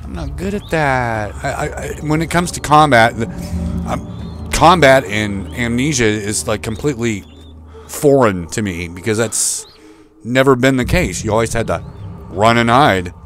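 A man's voice: mid-range voice, a bit bright, a little hiss or hum. A young man commentating a horror game he is playing, swearing often and yelping in panic when monsters appear. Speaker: game streamer.

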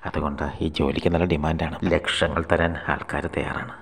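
Brief: narrator voicing a predatory male middleman in a storybook, low and quick. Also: flat delivery, vocal fry, husky, long reverb tail, exaggerated voice. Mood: coaxing. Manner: hushed, coaxing. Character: sly, predatory male job broker.

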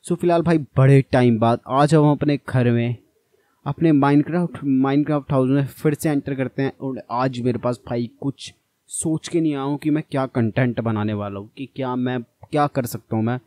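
A man's voice: medium pitch, normal speed, warm tone, dry recording. A young man giving casual, chatty commentary on his own gameplay and talking straight to his viewers. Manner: chatty, addresses viewers as brother. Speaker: gaming channel host.

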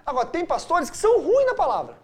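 A middle-aged man from Brazil, a pastor leading a Bible study, telling stories with big swings between loud and hushed. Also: extremely high pitch, fast talker. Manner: animated storytelling with wide swings of loudness.

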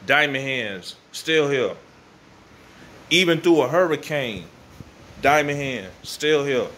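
An American man in his thirties with a bright, forceful voice talks off the cuff like a vlogger. He is slangy and likes to repeat a phrase for emphasis. The phone recording has some faint ambient noise from an open garage. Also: medium pitch, expressive, slow pace. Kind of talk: casual rambling vlog to camera. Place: open garage at night, windy weather. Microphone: phone at arm's length.

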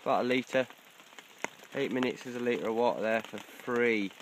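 On a coastal hillside, a young vlogger wild camping talks casually to his handheld phone at a moderate pace and medium pitch, with a noisy background behind him. He's talkative, quick to laugh, and swears now and then.

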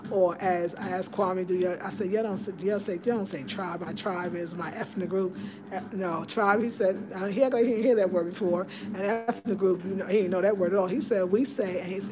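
Woman rambling excitedly on a home tour vlog, phone cam, noisy room. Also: mid-range voice. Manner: chatty, excitable, addresses viewers as y'all. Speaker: home decor vlogger. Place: small room of a house indoors. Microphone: handheld phone camera.

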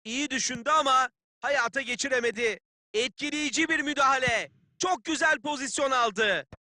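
An actor playing a keen football play-by-play announcer in a video game, calling the match in clipped phrases. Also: male voice, very high voice, normal speed, sharp tone, dry recording, studio quality, heavily acted. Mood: keen, tense.

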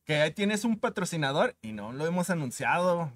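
A man with a Mexican accent hosts a casual chat at a studio microphone. He cracks slangy jokes and needles his guests. His voice sits a little high, and the sound is dry. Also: sing-song, fairly quick, no echo. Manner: joking, slangy banter. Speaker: podcast host. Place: indoor studio set.

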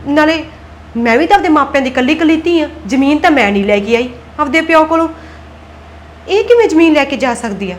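A woman's voice: high-pitched, expressive, fairly quick, a little hiss or hum. An actress playing a scheming young wife and daughter-in-law in a family drama, who argues back and plots under her breath. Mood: plotting. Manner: argumentative, self-talk plotting. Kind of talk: Punjabi web-series acting.

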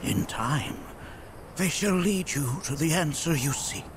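An actor voicing a wise old man who gives slow, gentle sage advice. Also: a little high, animated, heavy background noise.

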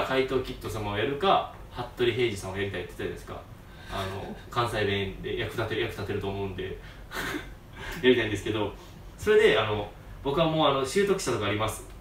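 関西なまりの若い男性ホストが、場面を声色で演じながら笑い混じりにくだけた調子で作品愛を語る。. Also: male voice, mid-range voice, slight background noise. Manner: excitable, acts out scenes in voices, laughs often. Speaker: host. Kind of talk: casual fan talk. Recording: roomy echo, distant mic.

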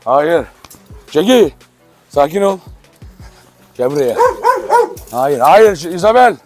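A man's high, lively voice gives slow, firm commands to dogs, now soothing, now scolding. Music plays clearly behind him throughout. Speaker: dog farm owner. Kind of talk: handheld dog-handling vlog.

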